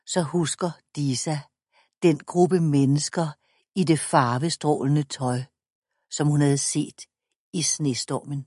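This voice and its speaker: Female audiobook reader, calm measured children's storytelling, low and mellow. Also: slightly rough, no echo, clean studio sound. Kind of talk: reading a children's book aloud.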